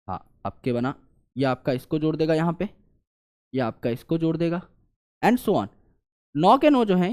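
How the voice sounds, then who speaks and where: Man, biology teacher, self-answering questions, repetitive lecture. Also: fairly high pitch. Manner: swings between loud questions and quiet drawing mutters. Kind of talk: online lecture drawing a diagram.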